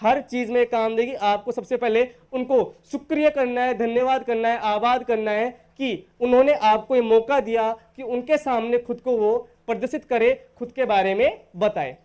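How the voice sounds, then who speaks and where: A man from Rajasthan teaching spoken English in a recorded online lesson. He is patient, calls his students "beta" and says the English model phrases slowly. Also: very high voice, a little mellow, clean tone. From Rajasthan, India.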